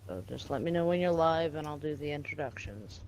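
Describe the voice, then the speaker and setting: A woman's voice: deep voice, animated, a little fast, darkish tone. Woman hosting a game stream, jokey hype-up intros, bit of hiss behind. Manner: playful, hypes each player with mock-grand intros. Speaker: stream host. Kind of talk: casual gaming stream chat. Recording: faint background noise.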